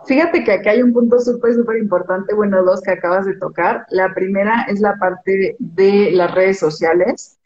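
A woman's voice: medium pitch, fairly even intonation, normal speed, hardly any pauses, a little mellow, highs cut off. Chatty Mexican woman on an echoey call. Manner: chatty, explains with everyday examples. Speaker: image consultant guest. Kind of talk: casual interview chat.

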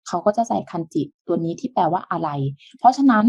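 A woman teaching an online language lesson, explaining step by step in a patient way with soft, polite sentence endings. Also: mid-range voice, brisk, slightly rough, dry recording, dull audio.

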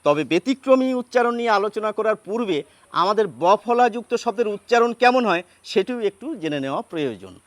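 Man teacher, high lively voice, patient, pausing with fillers, dry close sound. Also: no echo. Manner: patient, with many pauses and fillers. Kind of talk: explaining Bengali pronunciation at a board.

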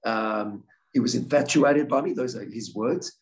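An earnest man in his forties speaks at a talk and takes questions from the audience. His voice sits at an ordinary pitch, and he often restarts and repeats his words as he works through an answer. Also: a little slow, low-quality recording. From Australia. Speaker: guest speaker, victims' advocate.

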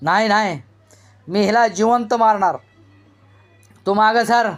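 A reader voicing brutal village strongman, harsh, abusive, slow, audiobook reading. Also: mid-range voice, faint music behind, natural voice. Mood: defiant. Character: brutal village strongman, older man, violent and contemptuous.

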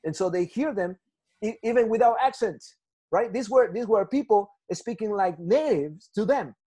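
Teaching a Bible class on a video call, this Ecuadorian man speaks with a Spanish accent in a high, expressive, mellow voice at a moderate pace. He comes across as earnest, repeats himself, restarts often, and keeps asking "right?"

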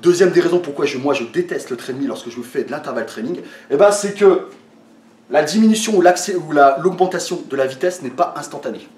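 A man's voice: fairly high pitch, a little fast, a little mellow, recorded from a distance. A man from France explaining a workout to camera in a casual, hesitant way, with many fillers and restarts, a little tired. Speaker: fitness vlogger. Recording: echoey room, voice away from the mic.

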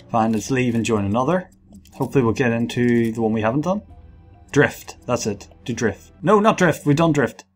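A man giving casual, playful gameplay commentary, rambling along, repeating words and exclaiming. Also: mid-range voice. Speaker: gamer recording gameplay commentary.

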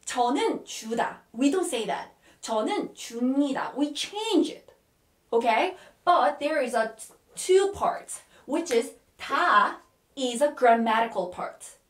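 A woman with a Korean accent teaching a language lesson, patiently repeating words slowly and often checking in with "Okay?". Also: sits high, animated, roomy sound, recorded from a distance.

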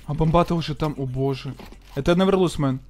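A man doing casual live gameplay commentary as a streamer, slangy, profane and excitable, thanking donors. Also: fairly high pitch, a little fast, a little hiss or hum. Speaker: game streamer.

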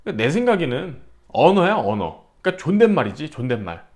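Brash, animated Korean man telling stories. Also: fairly high pitch, fast talker. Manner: brash, profane, acts out quotes. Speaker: vlogger. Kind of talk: casual storytelling monologue.

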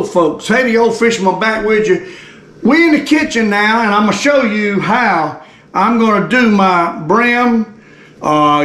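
A man's voice: high voice, a bit bright. An older man with a Southern US accent, talking viewers through a how-to in a folksy old fisherman manner, often repeating his phrases. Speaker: cooking and fishing video host. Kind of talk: casual how-to chat.

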